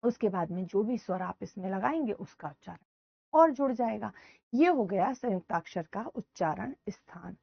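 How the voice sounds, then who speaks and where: A woman teaching Hindi grammar in a live online class, loudly repeating each question and answer to her students. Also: mid-range voice, expressive, normal speed, vocal fry, husky, no echo, muffled recording. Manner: loud speaker.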